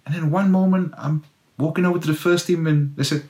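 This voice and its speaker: A man's voice: fairly high pitch, steady tone, brisk, darkish tone. A middle-aged South African man whose first language is Afrikaans, telling his life story in an interview and acting out his past self with exclamations. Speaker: guest, former footballer. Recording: roomy echo.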